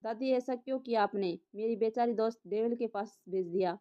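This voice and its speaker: A woman's voice: fairly high pitch, a little fast, smooth, dry recording, lightly acted. A woman doing a grumbling young friend. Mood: indignant. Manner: grumbling, indignant. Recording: slightly dull lo-fi audio.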